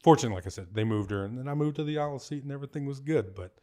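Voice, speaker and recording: A man's voice: mid-range voice, racing. A man with a kid of his own, a tattoo artist guest on a podcast, telling a story casually, with lots of swearing and laughing. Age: adult parent. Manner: animated, profane, laughs often.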